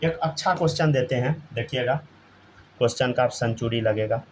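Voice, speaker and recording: A man's voice: mid-range voice, a little fast, a little hiss or hum. A man teaching a chemistry class, constantly prompting students to answer and checking they follow. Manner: keeps asking students to answer, often says "theek hai". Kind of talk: live classroom lesson.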